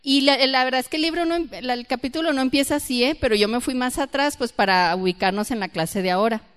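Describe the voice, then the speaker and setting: A woman's voice: high voice, fast, fairly bright tone, clear, resonant tone. A woman teaching a church Bible class, often quizzing the group and repeating her key points. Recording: reverberant hall.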